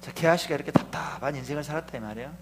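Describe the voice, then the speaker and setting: A middle-aged male pastor preaching fervently, moving from hushed asides to shouted proclamations and often questioning the congregation. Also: on the high side, very fast, a little hiss or hum. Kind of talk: sermon.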